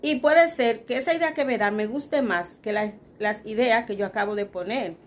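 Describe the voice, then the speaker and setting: A woman's voice: fairly high pitch, normal speed, a little hiss or hum. A woman with a Dominican accent chatting to her viewers from her bedroom, acting out what others told her and calling her audience "chicas". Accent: Dominican Spanish. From Dominican Republic. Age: adult with children. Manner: chatty, talks straight to her viewers as "chicas" and acts out quoted remarks. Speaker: vlogger. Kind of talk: casual chat to viewers.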